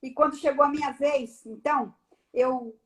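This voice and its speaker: High-voiced woman giving a testimony. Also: normal speed. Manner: animated storyteller, acts out the dialogue. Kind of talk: personal testimony on a live stream.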